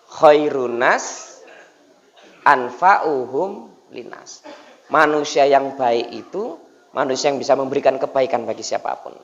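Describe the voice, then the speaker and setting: A male Islamic preacher gives a joking dawn sermon, teasing his listeners at every turn. His voice sits fairly high and carries a gravelly edge. The recording is dull and lo-fi. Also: long reverb tail. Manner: jokey, teasing the congregation, frequent "Pak" asides. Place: mosque gathering.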